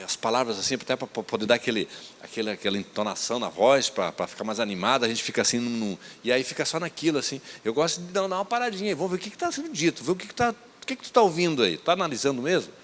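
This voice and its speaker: A man, preaching a church sermon with emphatic, raised appeals and soft asides. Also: on the high side. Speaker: pastor. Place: church service. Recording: reverberant church hall.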